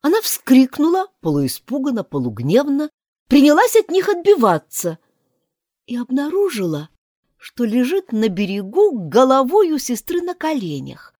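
A woman narrating an audiobook fairy tale in an expressive storybook manner. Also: dry recording, studio quality. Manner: highly expressive, animated.

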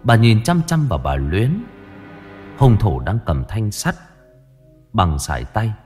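A man narrating a dramatic audio story in an expressive, dramatic way. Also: on the low side, slow, faint music behind.

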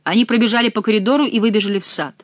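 A woman reads a novel aloud in a measured, expressive narration. Her voice sits at an ordinary pitch. The recording is dry and close, with no room echo. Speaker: audiobook reader. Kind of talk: scripted narration.

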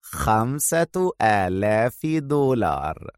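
A cold crime boss, as a storyteller puts him on, low, slow and unhurried. He talks with quiet contempt in a dry, close recording. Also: sing-song, smooth, no echo.

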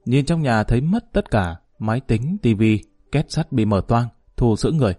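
A man narrating a spoken story in a steady, even storytelling manner. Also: medium pitch, normal speed, no room sound, studio quality.

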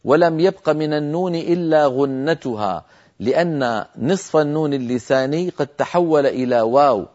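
A man teaching recitation in a televised lesson, calmly explaining each rule and then demonstrating it slowly, with long, drawn-out nasal sounds. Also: medium pitch. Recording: muffled broadcast audio.

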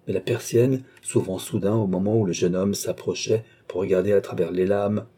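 In a lowish, husky voice, a man reads a classic novel as an audiobook, narrating in a measured, even storytelling manner.

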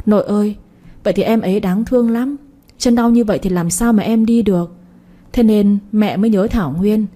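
A woman voicing an innocent little schoolgirl who pleads quickly and loves her mother fiercely. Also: medium pitch, warm tone, close to an everyday voice.

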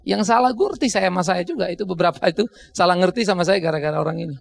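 A man's voice: high-pitched, animated, racing, gravelly. A middle-aged male pastor, preaching a sermon in a conversational way, often laughing at his own stories. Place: church.

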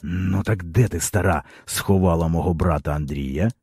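A man's voice: low voice, normal speed, a little mellow, breathy edge, no echo. A man voicing a harsh young rebel commander who speaks coldly and menacingly in an audiobook. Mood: stern cold. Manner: stern, menacing.

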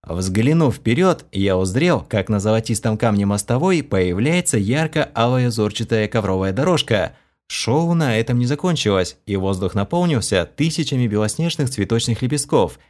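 Lively male audiobook narrator. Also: fairly low pitch, moderate pace. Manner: animated, exasperated first-person telling.

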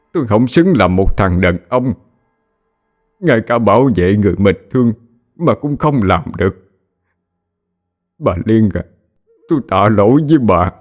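A man voicing a guilt-ridden old male ghost in an audio horror story, pleading and apologetic. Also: lowish voice.

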